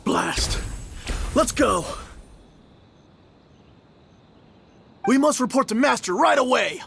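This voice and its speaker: A man playing a defiant, jittery henchman in a video game, blustering and forceful. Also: extremely high pitch, lively intonation, a little slow, creaky, slight background noise, exaggerated voice. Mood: alarmed. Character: defiant, jittery henchman loyal to his master. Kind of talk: scripted video game acting.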